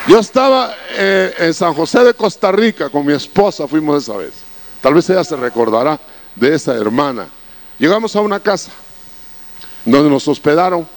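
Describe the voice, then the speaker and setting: A man's voice: on the high side, lively intonation, moderate pace, some chatter behind. A male preacher telling folksy personal stories in a sermon, often calling his listeners brother. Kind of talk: sermon storytelling.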